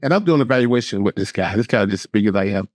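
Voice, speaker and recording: A man's voice: lowish voice, expressive, quick pace, a little mellow, dry recording. A man hosting a conversational talk show, a therapist telling stories earnestly, often restarting and repeating himself. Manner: earnest storytelling, restarts and repetitions. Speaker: host, therapist. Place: podcast studio.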